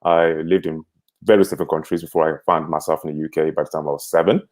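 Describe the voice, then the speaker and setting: Very deep-voiced young man chatting. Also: fast talker. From Cameroon. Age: 20s. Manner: relaxed, conversational, chuckles often. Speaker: guest, company co-founder. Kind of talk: livestream interview.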